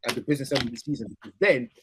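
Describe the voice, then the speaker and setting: A man's voice: medium pitch, very fast, noisy background. A young man with a London accent hosting a casual football discussion, slangy and repeating himself for emphasis. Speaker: podcast host.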